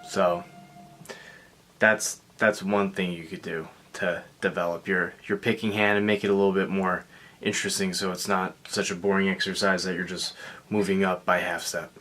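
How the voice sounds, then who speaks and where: A man giving a casual guitar lesson, talking in a relaxed, halting way with many fillers and restarts. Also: deep voice. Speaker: guitar teacher. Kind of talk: casual instructional talk. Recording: clear guitar playing behind the voice. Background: guitar and metronome.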